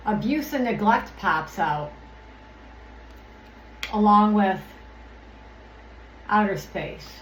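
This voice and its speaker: A woman's voice: medium pitch, expressive, drawn-out words, pauses often, a bit bright, slight background noise. A woman doing an oracle card reading on her channel, talking in a rambling, irritated way and swearing often as she rants. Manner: rambling, loses her train of thought. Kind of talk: casual spoken card reading vlog. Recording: echoey room with faint ambience.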